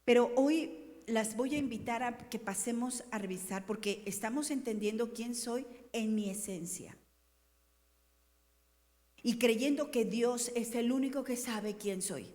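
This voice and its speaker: A woman's voice: on the high side, a little slow, darkish tone. Woman teaching in a reverberant hall. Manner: conversational, asks the class questions, acts out quotes. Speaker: women's Bible class teacher. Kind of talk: church teaching to women.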